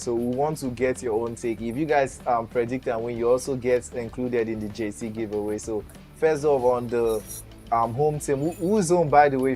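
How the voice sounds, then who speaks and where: A man hosting a live esports stream from Nigeria, interviewing team managers in an energetic way and often repeating words. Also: medium pitch. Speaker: host.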